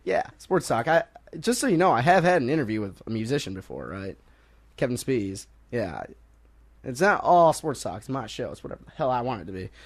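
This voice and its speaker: A young man hosting a casual sports talk radio show, joking and rambling between topics and quick to laugh. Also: mid-range voice, sing-song. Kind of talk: casual college radio banter.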